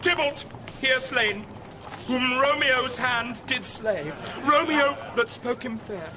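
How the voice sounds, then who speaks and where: High, urgent young gentleman, Benvolio. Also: lively intonation, takes it slowly, over music, heavily acted. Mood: earnest, pleading. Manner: urgent, declamatory verse delivery. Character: Benvolio, agitated loyal young Veronese gentleman. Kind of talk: classical Shakespearean radio drama acting.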